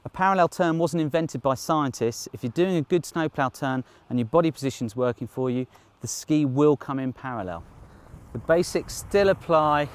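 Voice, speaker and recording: A middle-aged man gives a ski lesson to camera out on the slopes. His voice sits slightly higher than average for a man. He instructs in a reassuring, encouraging way. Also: a little hiss or hum. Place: outdoors on a snowy mountain ski slope.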